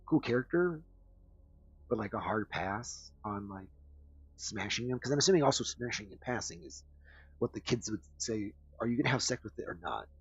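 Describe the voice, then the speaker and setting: A man's voice: lowish voice, lively intonation, moderate pace, husky, dry recording. A man hosting a podcast, riffing through crude, rambling comedic commentary full of fillers. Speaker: podcast host. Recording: dull lo-fi dry recording.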